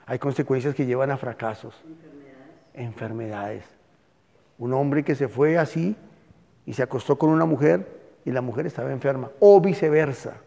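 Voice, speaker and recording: Colombian preacher, gravelly and echoing. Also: male voice, medium pitch, dark tone. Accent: Colombian Spanish. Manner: conversational, questions the congregation. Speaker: pastor. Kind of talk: teaching sermon. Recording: muffled, long hall reverb.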